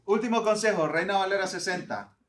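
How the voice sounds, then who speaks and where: A middle-aged man from Honduras, a pastor giving a lively, joking teaching talk to church readers and acting out pronunciations. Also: high-pitched, fairly quick, slight background noise.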